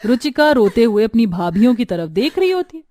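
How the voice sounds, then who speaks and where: Lady narrating a cartoon story, dramatic and measured, fairly high voice, dry. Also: very animated, dark tone, no room sound.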